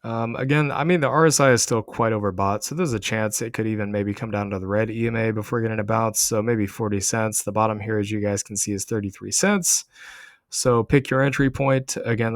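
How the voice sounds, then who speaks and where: Guy w a lowish voice explaining charts to viewers, casual, dry close sound. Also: no room sound. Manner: explanatory, addressing viewers directly. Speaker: crypto trading channel host. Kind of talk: casual market commentary over price charts.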